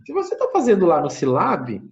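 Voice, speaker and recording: A man giving a math lecture, thinking aloud step by step, often checking in with a quick tag question and correcting himself as he goes. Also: high-pitched, huge pitch swings. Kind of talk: recorded classroom lecture. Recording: muffled lo-fi recording.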